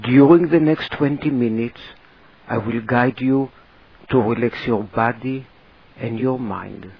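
In slightly muffled, lo-fi audio, a husky-voiced man of medium pitch leads a relaxation session. He delivers brief instructions with plenty of space between them, moving very slowly and deliberately.

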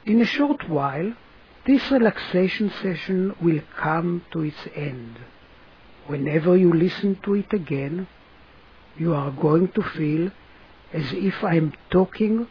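A person guiding a relaxation session in a soothing manner, giving gentle instructions with long pauses. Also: mid-range voice, animated, husky, lo-fi sound. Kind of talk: guided relaxation narration.

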